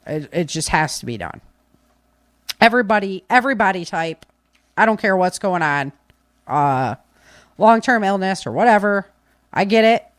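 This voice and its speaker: A woman speaks at a medium pitch with lively intonation and a normal pace, pausing often, recorded clean in a studio with no echo. She's a podcaster on preparedness and self-defense, talking casually but insistently and repeating key phrases to drive home firm, opinionated advice.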